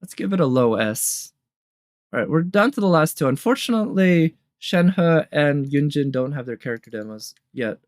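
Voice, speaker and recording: Over guitar-backed game trailer music, a male streamer offers loose, spontaneous commentary, musing as he goes and now and then humming a tune. His voice is a little high and expressive at a moderate pace, recorded dry with clean studio sound.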